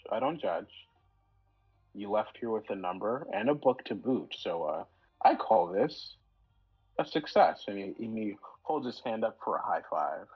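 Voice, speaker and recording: A man with a low, husky voice runs a tabletop role-play game. He talks in a loose, rambling way, full of fillers, and slips into quick voices for the characters. The recording sounds dull and lo-fi. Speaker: game master.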